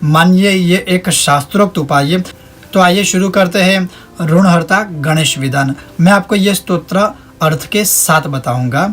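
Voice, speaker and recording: Man, religious teacher, slow measured chanting, higher voice. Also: a bit bright. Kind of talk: devotional teaching with Sanskrit recitation.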